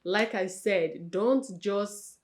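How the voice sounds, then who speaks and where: A young woman vlogger giving casual, chatty advice straight to her viewers, expressive and correcting herself often. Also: medium pitch, very slow. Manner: chatty, talks straight to viewers as "you guys" and "sis"; expressive, with frequent self-corrections.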